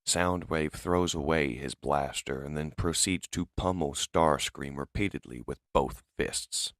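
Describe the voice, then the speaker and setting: A man narrating a comic dub in steady, descriptive storytelling. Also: extremely low pitch, measured pace, no echo, studio quality.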